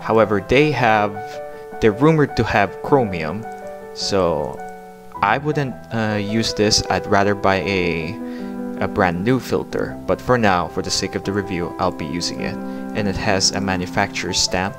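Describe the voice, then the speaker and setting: A man's voice: fairly low pitch, a little slow, music in the background. A man narrating a hands-on product review in a plain-spoken, explanatory way.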